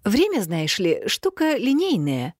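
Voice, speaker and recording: A woman voicing a young bride who babbles flippant nonsense in a higher, lively voice. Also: measured pace, no echo, studio quality.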